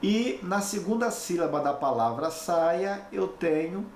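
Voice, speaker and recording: Slow-explaining male teacher. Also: sits high, lively intonation, a little mellow. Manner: explanatory, repeats key points with tag questions. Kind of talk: recorded online lesson. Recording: echoey room, faint background noise.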